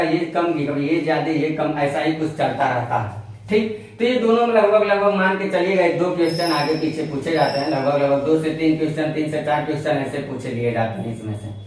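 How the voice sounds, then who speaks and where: A man with a slightly higher voice teaches at a whiteboard and repeats each key term as he writes. He is recorded from a distance in a very echoey room, so his voice bounces around the walls. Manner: repetitive, explains step by step while writing on a board. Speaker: exam-prep teacher. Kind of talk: whiteboard lecture.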